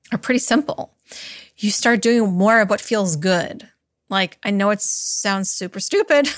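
A woman's voice: a little high, fairly bright tone, no echo, studio quality. A woman hosting a solo podcast, talking casually and with emphasis, acting out quoted asides as she goes. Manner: chatty and emphatic, mimics voices in quoted asides. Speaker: podcast host and business coach.

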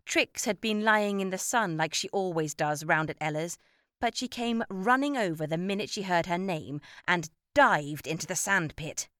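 A woman narrating a children's story with an expressive read-aloud manner. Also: fairly low pitch, moderate pace, no echo, clean studio sound. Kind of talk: storybook reading.

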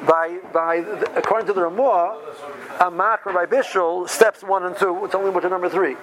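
Guy with a high pitched voice teaching religious law, rephrases stuff a lot, crowd noise in the room behind him. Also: fairly even intonation, a little fast, rough recording. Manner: repeats and rephrases, poses questions and answers them. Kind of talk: informal religious text lesson, explaining and reading aloud.

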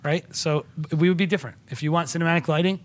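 A man's voice: a little high, fast talker. A man guesting on a podcast, talking shop enthusiastically in a rambling way with many restarts. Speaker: podcast guest, wedding filmmaker. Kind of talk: casual podcast conversation.

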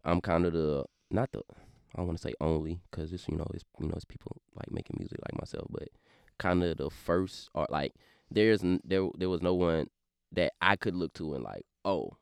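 Low, gravelly man with a Louisiana accent, fast slurred drawl, smooth, dry, full of fillers. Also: dry recording. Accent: Baton Rouge, Louisiana. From Baton Rouge, Louisiana. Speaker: rapper, interview guest. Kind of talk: casual interview talk.

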